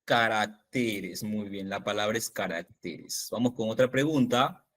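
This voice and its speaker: A man's voice: on the low side, measured pace, fairly bright tone. Male teacher with a Peruvian accent, didactic quiz-style workshop delivery, video-call sound. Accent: Peruvian Spanish. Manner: didactic, asks questions and confirms answers. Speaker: teacher leading a spelling workshop.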